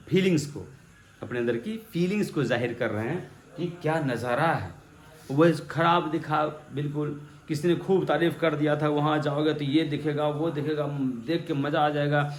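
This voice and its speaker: A man teaching a grammar lesson, a little higher-pitched than most men. He acts out spoken examples and keeps putting questions to his class. The room echoes and a faint hiss runs underneath. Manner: explains with acted-out examples and repeated questions to the class.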